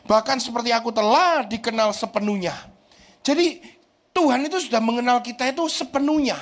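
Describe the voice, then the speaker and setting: Speaking briskly in a very high voice, a middle-aged man preaches a lighthearted, conversational sermon. He sprinkles in English expressions and keeps checking with the congregation, "right?"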